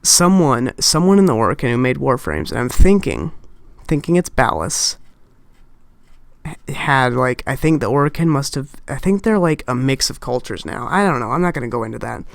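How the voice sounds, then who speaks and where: A woman's voice: rumbling low, expressive, normal speed, gravelly, no room sound. A young woman talking casually and ramblingly in a game-theory vlog, close to her mic at home, often breaking off and restarting. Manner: rambling, self-interrupting, distracted. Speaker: YouTuber. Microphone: close desk mic.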